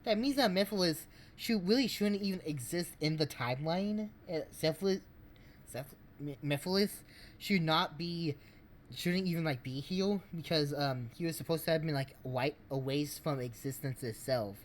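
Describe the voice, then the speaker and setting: A man streaming, giving casual game commentary in a rambling, halting way. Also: on the high side, a little hiss or hum.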